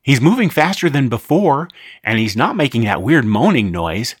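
A man's voice: medium pitch, very animated, normal speed, breathy edge, no echo, clean studio sound. A man voicing a worried, insistent young girl in a storybook reading. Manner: anxious, insistent. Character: worried, bossy girl, a kid.

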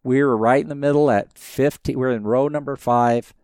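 A man in his fifties, a podcast guest telling stories in a lively, rambling way with many restarts. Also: medium pitch, normal speed, clean tone, dry recording, studio quality. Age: 50s. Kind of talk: casual storytelling interview.

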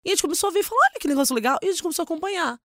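Fast-talking São woman comedian. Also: very high-pitched, dry recording, clean studio sound. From São Paulo, Brazil. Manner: animated, laughing storyteller acting out quotes. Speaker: comedian guest. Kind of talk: casual interview storytelling.

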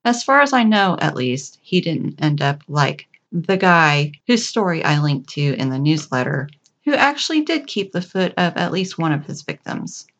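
A woman's voice: sits low, big pitch swings, normal speed, a bit bright, dull audio. A middle-aged woman telling a personal story in a wry, dry way.

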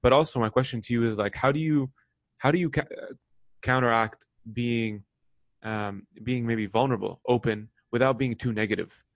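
A man's voice: medium pitch, dry recording. A young man from Lebanon hosting a podcast interview, talking casually and friendly. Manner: quick, casual, friendly, repeats words. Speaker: podcast host.

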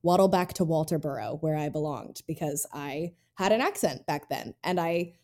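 With a low voice and a darkish tone, a podcast host from North Carolina tells personal stories at a moderate pace. The casual interview chat comes across as earnest and reflective.

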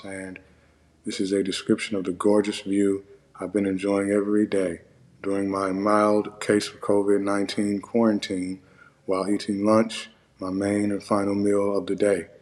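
A man hosting a podcast, reading his written essay aloud in a measured, deliberate way. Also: lowish voice, monotone, a little mellow. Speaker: podcast host; monk. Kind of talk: scripted narration, essay read aloud.

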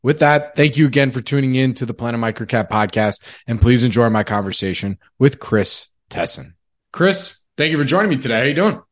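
Male podcast host, mid-pitched, for scripted intros and brisk run-on disclaimer copy. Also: animated.

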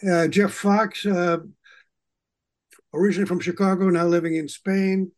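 A man's voice: high-pitched, level tone, moderate pace. A man in his eighties introducing himself on a group call, hesitant and self-correcting.

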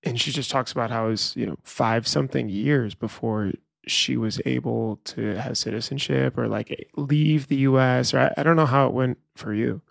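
A man hosting a podcast, introducing the show and asking curious, quick follow-up questions. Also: mid-range voice, steady tone, gravelly, dry recording, clean studio sound. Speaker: podcast host. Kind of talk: casual interview hosting.

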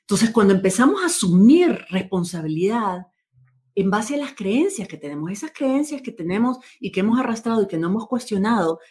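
With a mid-range voice and a darkish tone, a woman answers questions as a guest in a conversational interview. She talks in a serious, reflective way and keeps correcting herself mid-sentence.

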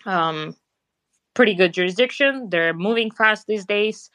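A woman's voice: mid-range voice, unhurried, a bit bright, no echo. A woman from Russia with a Russian accent, explaining things in a businesslike way as a podcast guest. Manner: explanatory, businesslike, some grammar slips. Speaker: guest, passport business founder. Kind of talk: conversational podcast interview.

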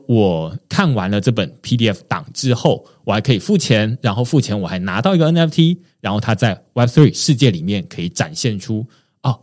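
A man, hosting a podcast and explaining his points in a measured, conversational way. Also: on the low side, darkish tone. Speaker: podcast host. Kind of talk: casual podcast discussion.

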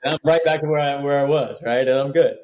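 A man's voice: mid-range voice, steady tone, a little fast, a little mellow, muffled recording. A man who is a psychologist, talking earnestly as a podcast guest and often restarting his phrases. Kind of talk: conversational podcast interview.

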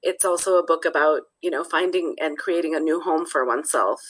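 Female author guest from Nepal, lowish voice, thoughtful and conversational, lots of restarts. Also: fairly quick, fairly bright tone, breathy edge, poor audio. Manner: thoughtful, with frequent restarts and "you know". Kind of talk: casual interview talk.

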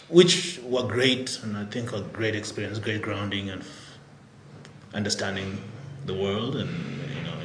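A man with a Kenyan accent telling his story casually as a podcast guest, in a halting way with many filler phrases. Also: lowish voice. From Nairobi, Kenya. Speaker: podcast guest, product executive. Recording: roomy echo, faint background noise.

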